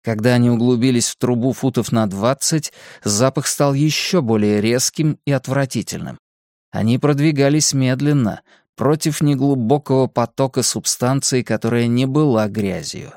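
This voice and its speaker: A man narrating an audiobook in a steady, measured reading voice. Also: mid-range voice, no echo, clean studio sound.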